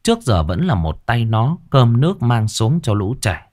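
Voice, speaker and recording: A man tells a gruesome horror tale in a mid-pitched, lively voice. His pitch rises and falls freely as he builds dread in a steady audiobook reading. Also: normal speed. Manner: lively, expressive storytelling. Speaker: narrator. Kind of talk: dramatic horror audiobook narration.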